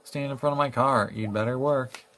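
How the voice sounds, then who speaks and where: A man's voice: mid-range voice, moderate pace, a bit bright, lightly acted. A man voicing Gracie, a haughty female giraffe fashion designer in a video game, reading her lines in a condescending tone that keeps calling the listener darling. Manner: condescending, calls everyone darling.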